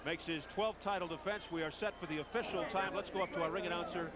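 A high-voiced man gives live boxing commentary in short, dramatic phrases. He is on an old television broadcast, with heavy arena noise all around the voice. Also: steady tone, fast talker. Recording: noisy old TV sports broadcast. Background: loud arena ambience.

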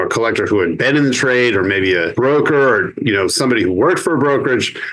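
A man's voice: on the low side, a bit bright, low-quality recording. Chatty man explaining over a video call. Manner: chatty, laughs mid-sentence, explains at length. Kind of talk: casual chat.

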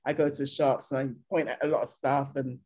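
Here an older woman from England, an interview guest, chats casually over a video call in a bright home room. Her voice is a rumbling low and she talks a little fast, animatedly telling stories and acting out how the locals speak. The recording has the dull, lo-fi quality of a video call.

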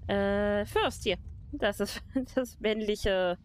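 A woman's voice: medium pitch, extremely slow, a little hiss or hum. A woman doing casual let's play commentary and reading game text aloud as a streamer. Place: indoors at a desk, webcam stream.

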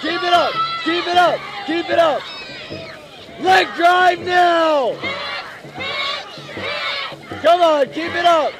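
A coxswain shouting short, clipped commands and counting strokes from a rowing boat during a race. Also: extremely high pitch, steady tone, moderate pace, hardly any pauses. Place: outdoors on the water in a rowing boat. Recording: noisy outdoor race recording with crowd. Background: crowd and loud outdoor noise.

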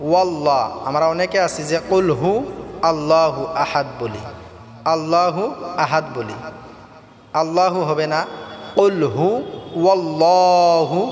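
A man teaching Quran recitation, chanting verses slowly and melodically, then explaining pronunciation quickly in a Bangladeshi Bengali accent. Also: fairly high pitch. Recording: echoey reverberant room with faint background music.

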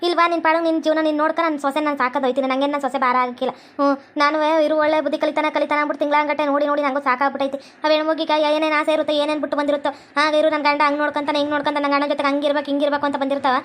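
A woman's voice: sits high, little pitch movement, racing, few pauses, fairly bright tone. A woman voicing a bossy, scolding mother-in-law in a cartoon comedy, with a North Karnataka Kannada accent. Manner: lecturing, scolding.

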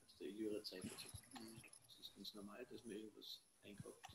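A man's voice: lowish voice, level tone, fairly quick, vocal fry, echoey room, noisy background. A man from the audience, rambling and dialect-tinged.

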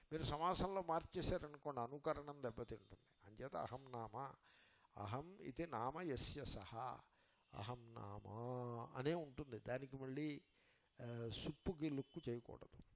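A man with a gravelly voice at a middle pitch, teaching scripture. He explains each point in turn and poses questions to his listeners. He slows down to recite Sanskrit verses. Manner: explains step by step with rhetorical questions. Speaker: Vedanta teacher. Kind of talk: scripture lecture.

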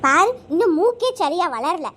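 A woman voicing a shrill bossy mother-in-law. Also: expressive, fairly bright tone. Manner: scolding, fast and shrill. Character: bossy older mother-in-law, nagging and meddling. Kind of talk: cartoon voice acting.

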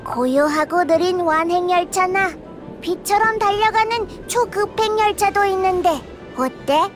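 A woman's voice: extremely high pitch, unhurried. An actress voicing a playful, chatty female conductor of a space train in a game story. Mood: breezy. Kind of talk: scripted game story dialogue. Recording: music behind the voice.

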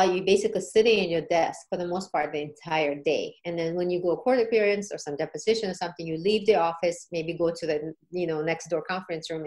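Sharing her experience on a podcast, a woman tells the story in a loose, conversational way, often checking in with her listener. Her voice is on the low side and a little mellow.

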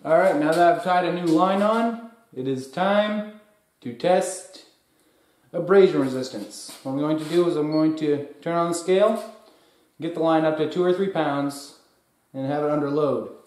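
At normal speed and slightly high, with a little mellowness, a young DIY tester's voice comes through plainly as he thinks aloud over tests in his garage. The camera recording from across the room is low quality and reverberant. His manner is casual.

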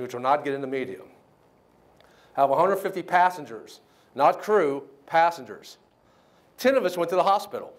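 A middle-aged man from the United States giving a keynote speech at a banquet. He tells a story with lively quoted voices and keeps checking in with the crowd. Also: on the high side. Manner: animated storyteller, acts out quotes, asks the crowd "right?". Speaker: keynote speaker.

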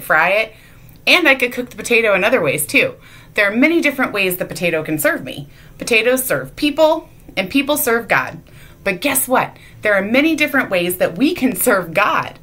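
A woman's voice: mid-range voice, bright, forceful tone. A woman giving a playful children's object lesson in church, teasing and asking her young audience questions. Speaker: children's sermon leader. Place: church sanctuary.

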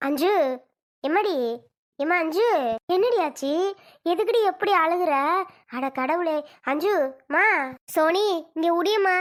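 A woman's voice: extremely high pitch, expressive, a little slow, pauses often. A woman playing a worried middle-aged village mother in a family drama skit, scolding and fretful.

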